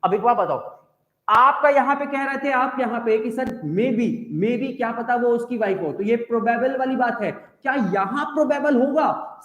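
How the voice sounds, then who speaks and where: A man with an Indian accent teaching English grammar in a live online class, explaining by repeating points and asking the class questions. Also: very high voice. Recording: echoey room with long reverb.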